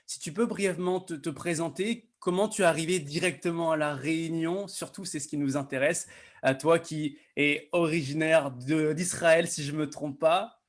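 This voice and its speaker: An upbeat man hosts a live online interview and greets his community. His voice is on the high side, and he talks in a friendly, halting way, often restarting his sentences. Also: steady tone. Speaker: host.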